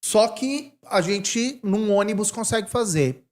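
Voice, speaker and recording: A Brazilian missionary in his forties speaks casually as an interview guest in a high-pitched, unhurried voice. He's animated and thinks out loud, often restarting his sentences.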